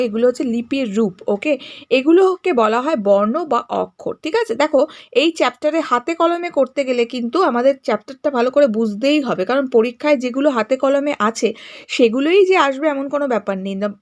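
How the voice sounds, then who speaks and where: A woman teacher, explaining grammar to schoolchildren step by step, asking and answering her own questions and dropping in English words like okay and next. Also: sits high.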